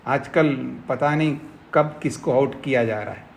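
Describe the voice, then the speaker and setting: A middle-aged man, a swami, teaching a scriptural lecture to students, explaining slowly with repetition, quizzing the class, and acting out both sides of a debate. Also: medium pitch. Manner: acts out both sides of a debate in raised tones. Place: ashram classroom.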